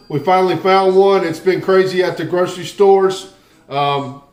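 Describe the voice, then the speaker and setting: This high-pitched man, heard with reverberation, runs a barbecue channel and hosts a casual home tutorial in a Southern American accent. He's from the Southern United States and keeps it folksy and easygoing, addressing viewers directly, first in his home kitchen and then out at the grill.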